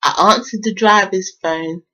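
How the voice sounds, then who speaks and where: Animated woman telling a story. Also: medium pitch, measured pace. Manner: animated, laughs often, swears freely. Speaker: vlogger. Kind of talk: casual storytime retelling. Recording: dull lo-fi sound.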